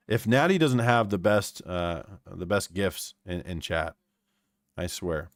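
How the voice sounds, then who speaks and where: A man's voice: sits low, slow, pauses often, no room sound. Male streamer, live chart commentary, punchy repeated phrases, dry close-mic sound. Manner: animated, repeats phrases for emphasis. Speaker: day trading streamer.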